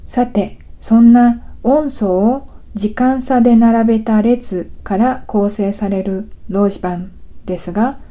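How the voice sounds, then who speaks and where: A woman teaching a language course, speaking in a very slow, deliberate way. Her voice is deep and mellow, with no brightness at all. She explains things carefully, like a prepared script. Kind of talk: scripted lesson narration.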